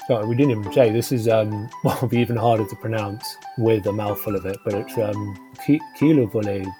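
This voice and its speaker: A man's voice: on the low side, level tone, brisk, music in the background. Chatty man hosting a podcast. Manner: chatty, laughs often, frequent fillers. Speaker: podcast host. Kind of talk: casual chat.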